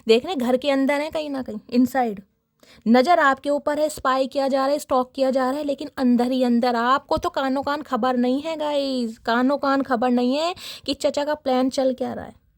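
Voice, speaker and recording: High-voiced chatty woman tarot reader. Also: steady tone, moderate pace, vocal fry, dry recording, clean studio sound. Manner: dramatic, chatty, laughs often, addresses viewers as guys. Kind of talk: casual tarot reading chat.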